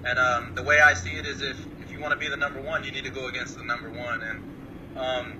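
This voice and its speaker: Calm man on a distant, noisy line. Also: medium pitch, fast talker, dull audio. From Samoa. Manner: calm, modest, hesitant with many uhs. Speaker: guest fighter. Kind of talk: casual interview answers. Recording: distant mic with clear background noise.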